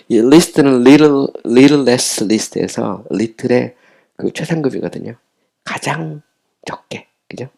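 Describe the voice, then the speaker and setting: Middle-aged male professor, gravelly low voice, conversational lecture with slow English readings. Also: darkish tone. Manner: reads English lines slowly, then explains in Korean with frequent tag questions. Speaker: professor teaching a theology text.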